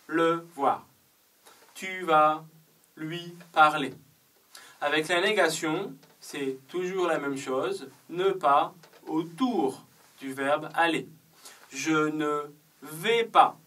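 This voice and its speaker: A man teaching French grammar in a deliberate, step-by-step way, drilling conjugations one by one. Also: on the high side, sharp tone, recorded from a distance, poor audio. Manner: deliberate, repeats conjugations in careful steps. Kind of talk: slow grammar lesson with drilled examples.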